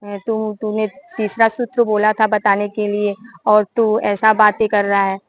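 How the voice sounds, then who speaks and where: A woman's voice: mid-range voice, completely flat delivery, a little slow, lightly acted. A woman voicing a gullible male hunter who complains and accuses. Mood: accusing. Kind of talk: storytelling.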